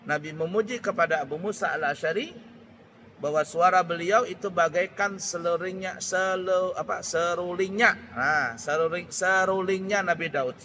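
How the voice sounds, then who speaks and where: Man, preacher giving a lecture; bright, fairly high voice, halting restarts, faint vehicle noise. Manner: unhurried, searching for words with restarts. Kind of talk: religious lecture. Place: Islamic boarding school.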